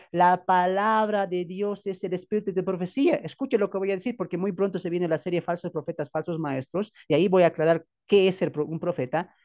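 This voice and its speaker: A man's voice: high-pitched, darkish tone, highs cut off. A man from Bolivia, a pastor teaching from the Bible in an emphatic preaching style full of rhetorical questions and repeated phrases. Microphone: video call.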